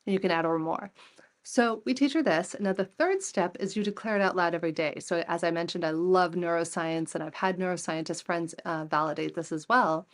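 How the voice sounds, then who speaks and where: A lively woman in her forties, an entrepreneur and coach, tells stories as a podcast guest in a conversational interview. Her voice sits on the low side and moves a little fast, and she acts out the dialogue she quotes.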